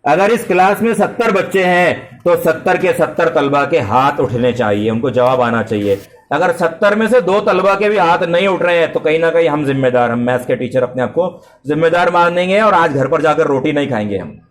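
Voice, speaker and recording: A man's voice: fairly high pitch, animated, brisk. A middle-aged man teaching math to a full classroom of children, speaking politely and praising them. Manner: addresses students with polite forms and praise.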